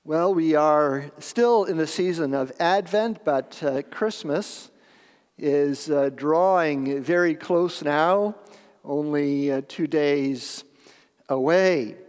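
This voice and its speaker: A man preaching in a church service, praying and reading scripture in a slow, measured, solemn way with deliberate pauses. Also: on the high side, a little mellow, clear, resonant tone. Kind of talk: sermon with prayer and scripture reading. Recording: long hall reverb.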